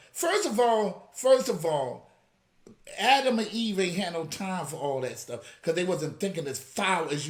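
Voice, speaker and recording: An apostle who hosts a religious reaction-commentary show speaks in a high voice, recorded in an echoey room. He is fiery and scolding, calling out directly to his audience.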